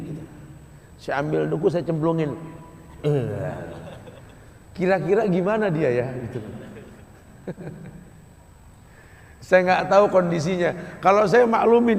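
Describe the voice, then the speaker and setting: A man with a Betawi Jakarta accent preaching a storytelling sermon, dropping to soft hushed passages and rising to loud urging. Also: sits high, vocal fry. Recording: echoey hall reverb.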